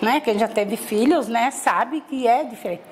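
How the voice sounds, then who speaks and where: A woman's voice: a little high, unhurried, slight background noise. A middle-aged woman from Bahia telling her life story in an interview, chatty, with many tag questions and restarts. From Salvador, Bahia, Brazil. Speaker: interviewee, mother.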